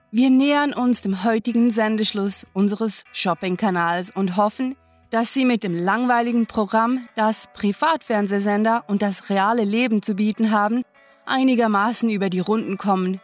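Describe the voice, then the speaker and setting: A woman hosting a podcast, delivering a tongue-in-cheek TV shopping-channel sales pitch with exaggerated, bubbly hype. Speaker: podcast host.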